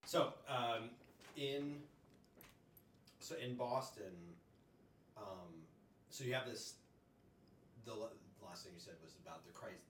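Very low-pitched woman interviewer, roomy sound. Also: slow, long pauses, slight background noise. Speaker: podcast interviewer. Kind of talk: casual interview chat. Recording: roomy echo, distant from mic.

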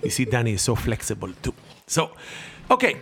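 A man's voice: medium pitch, wildly swooping pitch, a little fast, vocal fry, fairly bright tone, slightly rough. Playful man hosting a chat. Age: adult. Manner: playful, joking, teasing. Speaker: host of a family sports show. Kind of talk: casual chat.

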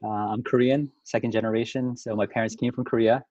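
A man's voice: medium pitch, fairly even intonation, a little fast, warm tone, no room sound, highs cut off. New man, a chatty pastor. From New York. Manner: laughing, friendly, talkative. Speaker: pastor, podcast guest. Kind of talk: casual chat.

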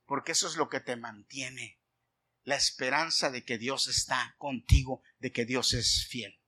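Bright-voiced preaching man. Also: medium pitch, a little slow, slightly rough. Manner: animated storytelling, addresses the congregation as brothers. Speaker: pastor. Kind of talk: sermon with personal testimony.

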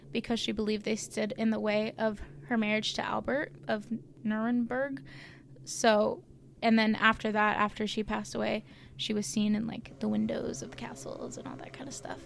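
A Canadian woman co-hosts a casual podcast, telling legends as a loose, rambling storyteller. Her voice is fairly high and gravelly, with slight background noise, and she chats with lots of "likes" and "ums," laughing at her own stumbles.

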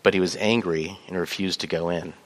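Lowish male preacher in a reverberant hall. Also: steady tone. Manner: measured preaching with fillers, reads scripture aloud. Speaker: pastor. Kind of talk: sermon.

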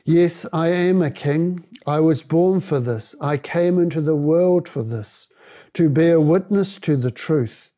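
A man voicing a calm, steadfast man on trial in a scripture reading. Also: on the high side, takes it slowly.

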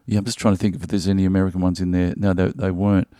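Racing along in a low, warm voice with little pitch movement, a middle-aged Melbourne comedian guests in a casual interview. He tells jokey stories and keeps restarting. The recording is dry and studio-quality.

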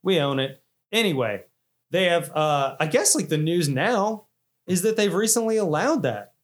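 A man's voice: fairly high pitch, animated, moderate pace. A man, hosting a casual podcast chat, rambling and self-deprecating with frequent laughs. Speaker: podcast host.

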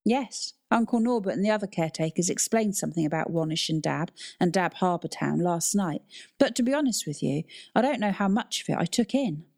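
A woman's voice: lowish voice, expressive, a little fast, vocal fry, a little mellow. A woman voicing a polite, earnest young woman asking for help.

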